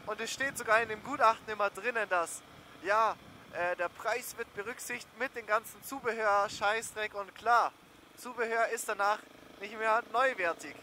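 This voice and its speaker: A young adult motorcycle vlogger with a high-pitched, pushed and bright voice rambles casually at normal speed, full of slang, as he rides outdoors. Wind, engine, and road noise from the motorbike fill the recording.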